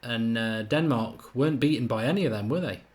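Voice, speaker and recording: With a mid-range voice and a brisk pace, this slightly Irish-accented host runs a live football watchalong, thinking out loud, chatting, and reading out what viewers comment.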